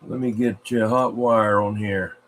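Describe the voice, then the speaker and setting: A congested man hosts a casual livestream of a vintage radio show, greeting viewers and muttering to himself in a folksy, rambling way, often coughing and clearing his throat. His voice is on the low side and a bit bright, a little slow, with fairly even intonation. Room ambience and clear background noise fill the recording.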